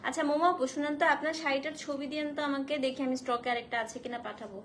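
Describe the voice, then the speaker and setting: A woman hosting a casual live stream to sell saris, feverish and in pain, speaking slowly and softly and mixing in English phrases. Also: sits high, a little hiss or hum. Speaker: online shop owner selling saris on a live stream.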